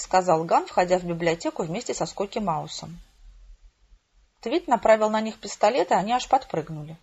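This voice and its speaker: A woman narrating an amateur audiobook in an even storytelling manner, in a dull lo-fi recording. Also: mid-range voice, slightly rough. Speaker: audiobook reader.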